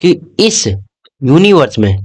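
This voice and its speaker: A man's voice: fairly high pitch, very animated, slow, darkish tone, slightly rough. A young man teaching an exam-prep lesson in a casual, chatty way, often checking in with "okay?". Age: young adult.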